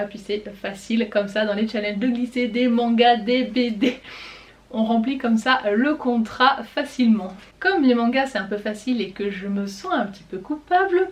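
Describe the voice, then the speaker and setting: A young woman presenting her seasonal reading list in a casual vlog, chatting with frequent pauses while she checks her notes. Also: a little high. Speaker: book vlogger.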